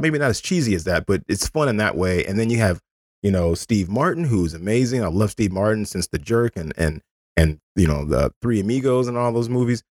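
A man's voice: fairly low pitch, no echo, studio quality. A man in his thirties hosting a casual podcast chat, loose and profane, laughing often. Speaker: podcast host.

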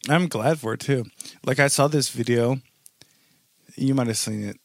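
A man's voice: medium pitch, normal speed, gravelly, no room sound. A man co-hosting a casual podcast, telling stories in a bro-like manner and acting out quotes. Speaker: podcast co-host.

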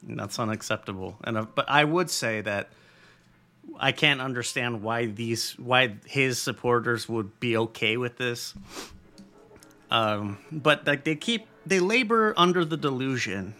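A man's voice: mid-range voice, measured pace, sharp tone, soft background music. An American man hosting a podcast, giving casual, rambling news commentary in a blunt, profane way with lots of fillers. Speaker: podcast host.

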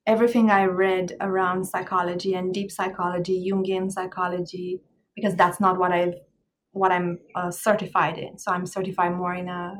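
A woman in her forties speaks as a podcast guest. She explains her work thoughtfully, often pausing and restarting to find the right words. Faint background noise runs beneath her voice. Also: fairly low pitch, little pitch movement. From Romania. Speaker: guest, psychologist and astrologer. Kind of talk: interview answers.

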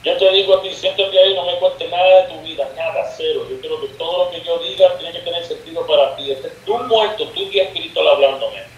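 Appearing as a guest sorcerer in an interview, a man shares experiences through a casual story in Spanish sprinkled with English words, acting out the dialogue. His voice is fairly high and brisk, with hardly any pauses. Heard over a remote call, the line sounds echoey and distant with faint noise and cut-off highs.

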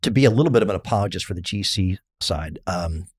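A man's voice: low-pitched, lively intonation, fast talker, darkish tone, husky, no room sound, clean studio sound. A middle-aged man telling a long self-mocking story in a casual interview, with many fillers. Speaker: risk consultant guest.

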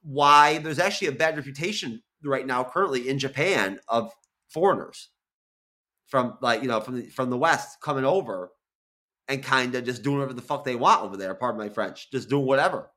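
Speaking brisk and bright with a pushed, medium-pitched voice, this Florida man in his forties, aged forty-one, is a content creator guesting on a video call. The interview is casual, and he rambles, restarts often, and swears freely.

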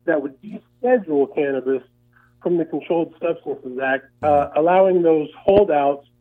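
Phone-in caller, man, somewhat high voice, earnest rambler, tinny phone-line sound. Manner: earnest, rambling with many pauses. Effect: over the phone. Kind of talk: call-in radio chat.

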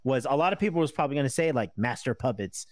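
A man's voice: medium pitch, animated, rapid-fire, no room sound. A man in his thirties talks casually as a guest. He rambles, halts and circles back through plenty of fillers and restarts. His voice sits in an ordinary middle register, recorded dry and close. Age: 30s. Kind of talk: casual conversation.

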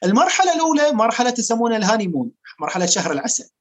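A doctor with an Emirati accent talks quickly and emphatically as a guest expert. The voice sits at an ordinary, middle pitch. English technical terms come up often in the explanation. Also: very animated. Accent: Emirati Arabic. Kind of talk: explanatory interview talk.

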